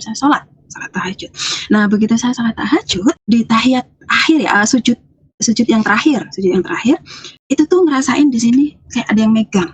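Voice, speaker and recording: A woman's voice: on the high side, husky. A woman from Lampung giving an earnest, emotional personal testimony in an interview, often hesitating, restarting and repeating her phrases. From Lampung, Indonesia. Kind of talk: personal testimony, casual speech.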